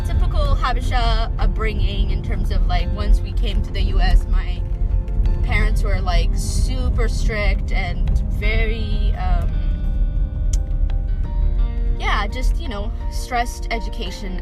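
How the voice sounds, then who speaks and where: A woman in her thirties from Ethiopia, whose first language is Amharic, hosting a podcast in a rambling, chatty monologue full of fillers. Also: mid-range voice. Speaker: podcast host. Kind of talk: casual monologue.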